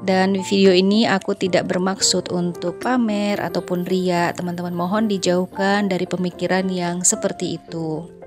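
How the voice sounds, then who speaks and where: A woman's voice: on the low side, flat delivery, normal speed, music in the background. A woman narrating a home vlog in a casual voice-over, chatting to viewers as friends with frequent fillers. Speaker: vlogger.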